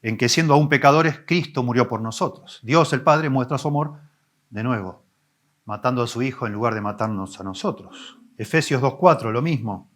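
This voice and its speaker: A man, a pastor preaching an expository sermon, teaching with emphatic rises and soft low drops. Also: normal speed. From Argentina.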